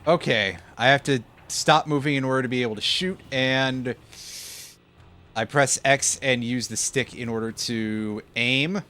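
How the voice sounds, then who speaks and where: A man's voice: mid-range voice, unhurried, bright, forceful tone. A man giving casual let's play commentary, sarcastic and swearing as he complains about the game. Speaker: gaming commentator.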